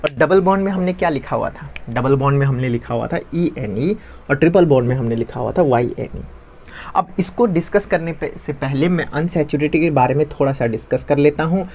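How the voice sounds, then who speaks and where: A man with a fairly high voice, teaching in a loose, chatty classroom style. He keeps asking questions and answering them himself, repeating each key term so it sticks. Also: brisk, a little mellow, a little hiss or hum. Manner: conversational, asks and answers his own questions, repeats key terms.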